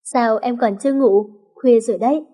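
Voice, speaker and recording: A tired gentle young husband, as a woman reads him. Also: a little high, moderate pace, lightly acted. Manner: gentle, affectionate.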